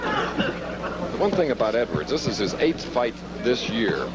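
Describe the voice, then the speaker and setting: Guy doing live boxing play-by-play, normal pitch, really noisy broadcast sound. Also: wildly swooping pitch, measured pace. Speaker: boxing commentator. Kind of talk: live sports commentary. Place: ringside at a boxing event. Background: loud background noise.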